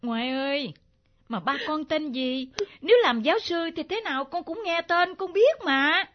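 Actress doing a tearful young daughter, high voice, muffled old recording. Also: female voice, moderate pace, lightly acted. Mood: puzzled. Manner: tearful, pleading. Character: young woman, grieving daughter. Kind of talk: radio drama acting.

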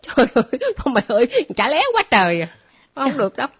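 This is a comedy sketch with a woman voicing a picky, brash unmarried woman in her late thirties, speaking. Her voice is husky and a bit high, and her pitch swings widely. The recording sounds dull and lo-fi. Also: animated, fast. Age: late 30s. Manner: brash, blunt, defensive. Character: picky unmarried woman near forty, scorns men.

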